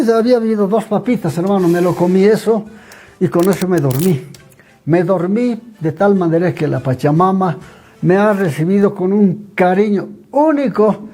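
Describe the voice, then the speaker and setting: Older bolivian man telling his story, high husky mellow voice, emotional, keeps saying brothers. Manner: emotional testimony, addresses listeners as brothers. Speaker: interview guest. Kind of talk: personal storytelling.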